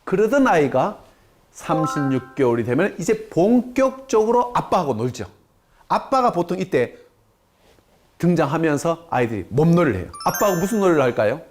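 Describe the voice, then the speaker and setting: A man's voice: on the high side, very animated, normal speed, darkish tone, soft background music. A man giving a lecture on parenting, posing questions to the audience and answering them himself, acting out quoted speech along the way.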